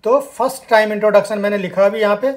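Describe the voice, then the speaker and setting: A man teaching a spoken language lesson, repeating words slowly and emphatically for learners to copy. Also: high voice, steady tone. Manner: slow, emphatic repetition of words.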